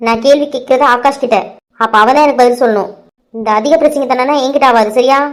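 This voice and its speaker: A woman voicing a stern, domineering middle-aged mother in a cartoon, with a sharp, scolding way of talking. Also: sits high, steady tone, fast talker, lightly acted. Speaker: mother of the hero. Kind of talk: cartoon voice acting.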